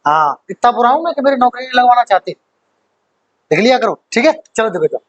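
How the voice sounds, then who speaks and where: A man's voice: very high-pitched, sing-song, brisk, dry recording, lo-fi sound. A man teaching English grammar in a live online class, in a chatty, joking way with many rhetorical questions and checks that students follow.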